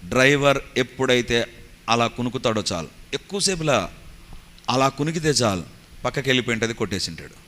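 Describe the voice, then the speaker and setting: A man preaching a sermon, telling stories with animated rising exclaims and slipping English phrases in. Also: medium pitch, brisk, pauses often. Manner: mixes English phrases into Telugu. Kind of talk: Telugu sermon.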